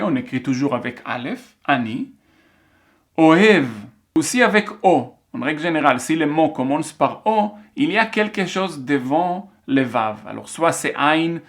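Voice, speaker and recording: Male language teacher, patient and methodical, slightly higher voice. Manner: patient, slow, explains step by step. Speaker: Hebrew teacher. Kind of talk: online language lesson, dictation.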